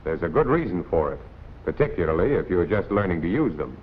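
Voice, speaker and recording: An American man with a low voice narrates a 1940s instructional film, plain-spoken, colloquial and admonishing, delivered very animatedly and briskly. The film's soundtrack is tinny and noisy.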